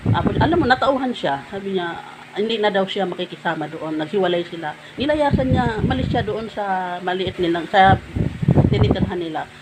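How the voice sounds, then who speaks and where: A woman's voice: medium pitch, brisk. A woman vlogger casually telling a personal story to her viewers, chatty and full of fillers. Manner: chatty, addresses viewers as guys, many fillers like ano. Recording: noisy background.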